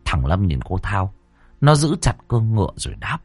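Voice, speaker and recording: A man narrating a ghost story in an expressive, dramatic way, close to the microphone. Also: on the low side, moderate pace, husky, dry recording, soft background music.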